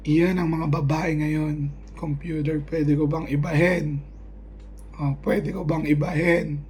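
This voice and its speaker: A man's voice: on the high side, level tone, slow, a little mellow, slight background noise. A man talking in a loose, meandering monologue, switching between Tagalog and English. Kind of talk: rambling casual monologue.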